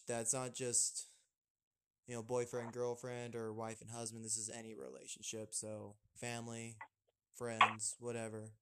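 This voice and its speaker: A man co-hosting a casual podcast, relaxed and chatty, laughing often and restarting his sentences. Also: medium pitch, clean tone. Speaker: podcast co-host. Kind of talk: casual chat.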